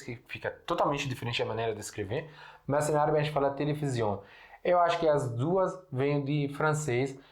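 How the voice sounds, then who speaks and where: Guy teaching words, easygoing, keeps asking "right?", mid pitch. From Syria. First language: Arabic. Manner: explains slowly, writes on a board, checks in with "né?". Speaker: Arabic teacher. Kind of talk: casual language lesson.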